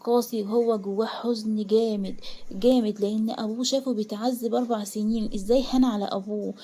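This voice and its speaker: Egyptian woman narrator, brisk, mellow, dramatic storytelling. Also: a little high, steady tone. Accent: Egyptian Arabic. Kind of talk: reading a romance story aloud.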